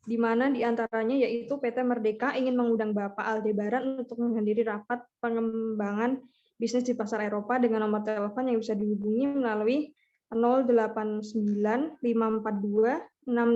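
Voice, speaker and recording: A woman's voice: fairly high pitch, steady tone, moderate pace, a little mellow, natural voice. A woman playing a polite, formal company secretary who takes a phone call in a courteous, scripted role-play. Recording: muffled, lo-fi video call.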